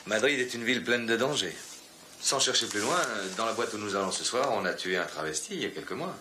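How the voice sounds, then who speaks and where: An actor playing a stern, scornful, disapproving husband in dubbed film dialogue. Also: male voice, fairly low pitch, animated, fast, natural voice. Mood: grim. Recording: film soundtrack with faint background noise.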